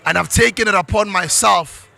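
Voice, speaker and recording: A South African man in middle age speaks with preachy conviction, drifting between English and isiZulu. His voice sits high for a man and rings bright and forceful. A gravelly rasp runs under his words. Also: normal speed. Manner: passionate, preachy, switches into isiZulu. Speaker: motivational speaker. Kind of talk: motivational monologue.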